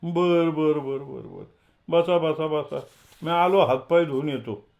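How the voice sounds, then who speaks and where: A man voicing a welcoming middle-aged village father with plain, calm rustic speech. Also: a little high, takes it slowly, vocal fry, muffled recording, pitched above the performer's own voice.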